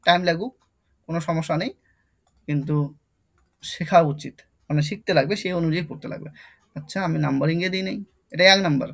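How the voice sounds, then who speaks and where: A high-pitched man with a Bengali accent teaching an online English lesson. He repeats each key term several times and keeps quizzing his students. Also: fast talker, vocal fry, long pauses, fairly bright tone. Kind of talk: online exam-prep lesson.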